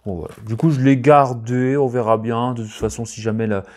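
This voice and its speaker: A man in casual unboxing chat as a collector vlogger, rambling and chatty, often searching for words, with bursts of excited emphasis. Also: mid-range voice, a little fast.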